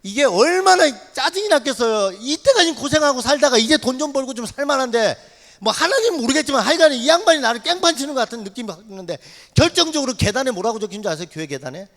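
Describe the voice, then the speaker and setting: A high-pitched male missionary races through a dramatic personal testimony, his voice leaping up and down as he acts out every shout. He is recorded in a church sanctuary, and his words ring on in a long reverb. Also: quick pace. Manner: animated storyteller, acts out shouts and dialogue.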